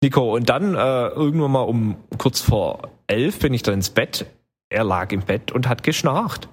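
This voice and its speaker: A man's voice: medium pitch, lively intonation, moderate pace, husky. A man telling a long travel story in casual chat, rambling with many fillers. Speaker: podcast co-host telling travel stories.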